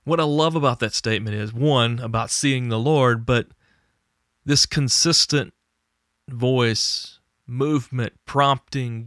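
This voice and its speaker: A man's voice: medium pitch, fairly bright tone, no echo, studio quality. A man who hosts a faith podcast and was once a pastor, speaking in an earnest, conversational monologue with small restarts. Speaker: podcast host and former pastor.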